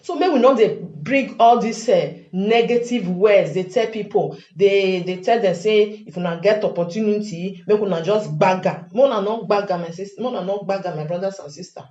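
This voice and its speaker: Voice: medium pitch, moderate pace, hardly any pauses, darkish tone. Nigerian Pidgin speaker, dull echoey recording. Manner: emphatic, repeats phrases for stress. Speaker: online commentator addressing fellow Nigerians. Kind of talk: informal advice monologue. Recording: dull lo-fi sound, echoey room.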